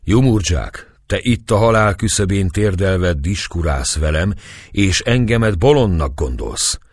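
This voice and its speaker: A man voicing a calm, shrewd priest questioning a prisoner, with a husky voice. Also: low-pitched, no echo, studio quality, pitched above the performer's own voice. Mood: stern. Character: calm, shrewd Hungarian male priest, sharp and probing.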